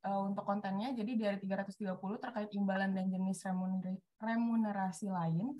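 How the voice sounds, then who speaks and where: A young woman student giving a formal class presentation over a video call, her audio faint, distant and breaking up. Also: mid-range voice. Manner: reads points in a steady, orderly way. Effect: choppy, breaking-up online call audio.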